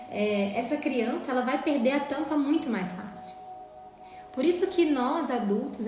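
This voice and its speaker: A woman teaching a live online parenting class in an earnest, emphatic way, often checking in with her listeners. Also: sits high. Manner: earnest, emphatic, tags lines with "né?". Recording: very echoey room, faint music.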